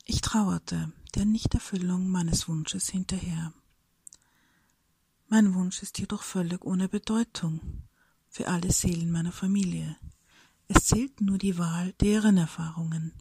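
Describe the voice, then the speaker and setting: Speaking in a soft, breathy whisper, a woman reads a reflective personal story aloud, taking it slowly and thoughtfully. Her voice sits lowish, and the recording is dry.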